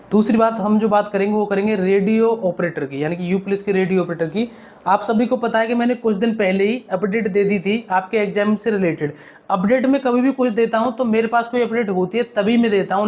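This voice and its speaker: In this advice vlog, the young exam-update creator talks a little fast in a high-pitched, slightly mellow voice. He mentors viewers in an earnest, casual manner, going over points again and often adding check-in tags to make sure they keep up.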